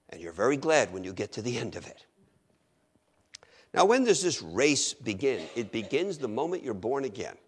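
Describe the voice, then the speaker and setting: A middle-aged man preaching a sermon, acting out his listeners' objections in an animated way. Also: medium pitch.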